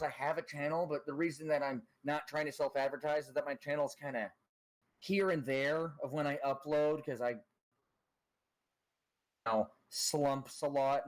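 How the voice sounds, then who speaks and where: Self-conscious and hesitant, a man rambles about voice impressions while appearing as a stream guest in casual voice chat. His voice is medium-pitched, and the recording quality is low.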